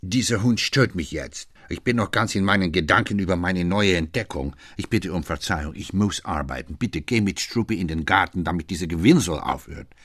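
A man's voice: low voice, normal speed, hardly any pauses, a bit bright, no room sound, clean studio sound. A man voicing a brusque older director in an audiobook reading, a character who muddles his articles. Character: elderly male director, brusque, mixes up articles.

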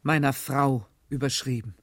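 A woman reading aloud as a weary older man, an uncle who refuses help in a low, heavy, resigned way. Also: steady tone, moderate pace, dry recording, studio quality. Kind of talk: literary reading on radio.

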